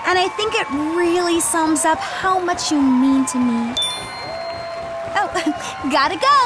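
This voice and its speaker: A woman's voice: very high-pitched, slow, over music. A woman voicing an upbeat young female cartoon cat singer who talks in casual slang. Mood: bubbly.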